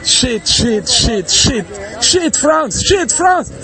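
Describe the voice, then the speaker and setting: A man ranting angrily outdoors in a public place, swearing and repeating himself, his voice hoarse from shouting. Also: extremely high pitch, very animated, drawn-out words, a crowd in the background. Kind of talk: angry outdoor rant to camera.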